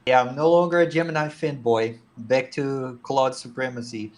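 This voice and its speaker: Laid-back joking man, stream guest. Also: medium pitch. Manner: relaxed, joking, quick to laugh. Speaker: guest developer. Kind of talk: casual live-stream chat.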